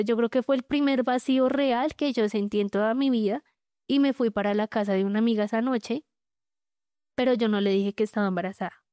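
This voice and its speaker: Woman, podcast guest, candid halting testimony, slightly high smooth voice, dry close mic. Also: warm tone, dry recording. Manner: candid and halting, many fillers. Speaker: guest sharing her story.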